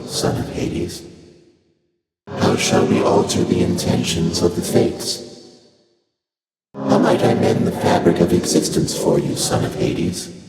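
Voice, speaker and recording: Ancient chaos god for a game, super slow n formal, breathy, calmly aloof, huge echo w loud music behind. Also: male voice, sits low. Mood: calm, welcoming. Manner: formal, measured, stately, faintly amused. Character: ancient, detached, courteous primordial deity of chaos. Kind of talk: video game character dialogue. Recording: echoing long reverb under loud music.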